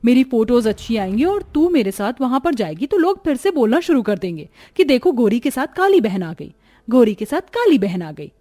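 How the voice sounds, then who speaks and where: A woman's voice: fairly high pitch, very animated, moderate pace, warm tone. A woman voicing a vain, spoiled young woman in a storybook, scornful and bossy, slipping English words into her talk. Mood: arrogant. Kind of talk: storybook voice acting.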